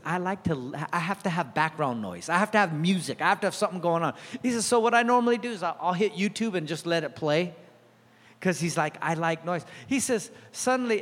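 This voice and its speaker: A man preaching a sermon, telling stories and acting out quotes with sudden jumps in his voice. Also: big-room sound. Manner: animated, acts out quotes with sudden pitch jumps. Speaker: pastor. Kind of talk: sermon with storytelling.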